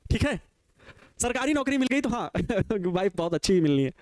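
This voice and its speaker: Male physics tutor, high voice, jokey call-and-response teaching, dry close sound. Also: very animated, moderate pace, darkish tone, no echo. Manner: playful, teasing, laughs at his own jokes; repeats questions and answers in call-and-response. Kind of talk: jokey classroom lecture. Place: small teaching studio with a digital board.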